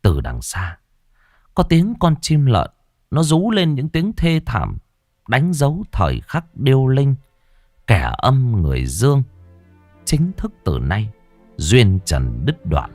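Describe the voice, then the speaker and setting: Close to the mic, a male narrator reads a scripted ghost story aloud in a dramatic, mournful style. His mid-range, darkish voice moves slowly through huge pitch swings, with no echo and soft music in the background.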